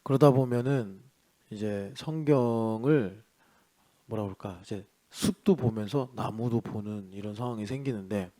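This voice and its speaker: A male pastor preaching an early-morning sermon in a chatty way, asking rhetorical questions and swinging between loud and soft. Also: fairly low pitch, a little slow. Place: church.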